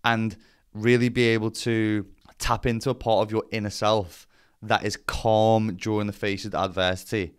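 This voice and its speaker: A man with a lowish, level voice speaks at a normal speed with a clean tone. He's a vlogger presenting a casual explainer to camera, blunt and self-deprecating, with some swearing thrown in.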